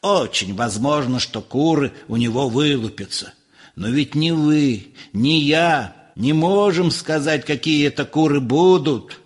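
A man's voice: a little high, measured pace, husky. A man voicing an irritable, scornful older professor who snaps in exasperation in an audiobook. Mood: ranting. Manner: snapping, exasperated.

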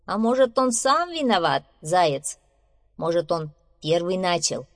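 A woman's voice: fairly low pitch, big pitch swings, measured pace. A woman voicing a timid, hesitant male beaver in a storybook, muttering his doubts.

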